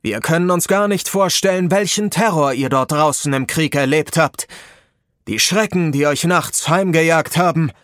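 A man voicing the calm, fatherly leader of a circle of wizards, speaking slowly and solemnly. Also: on the high side, no room sound, clean studio sound. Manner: slow, solemn and paternal.

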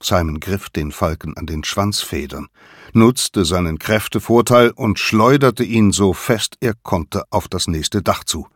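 A man narrating a children's adventure story in an expressive reading. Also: deep voice, measured pace, no echo, clean studio sound. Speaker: audiobook narrator.

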